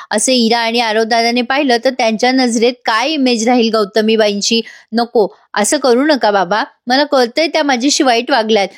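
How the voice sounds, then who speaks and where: A calm, earnest young daughter who argues gently and persuasively, as a woman reads her lines. The voice is fairly high, and the recording is dry and close. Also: no room sound, close to an everyday voice.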